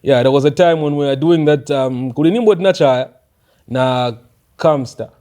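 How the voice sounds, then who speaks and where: Man, Zambian accent, young adult, warm tone, easygoing, filler-heavy chat. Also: on the high side, normal speed. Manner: relaxed, mixes English and local language, many fillers. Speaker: rapper guest. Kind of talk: casual interview chat.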